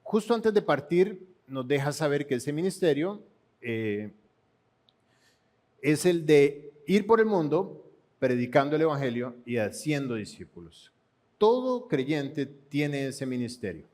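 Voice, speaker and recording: A man with a Panamanian accent answering Bible questions in a steady, explanatory way, with occasional restarts. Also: fairly high pitch, unhurried. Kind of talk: church Bible Q&A teaching.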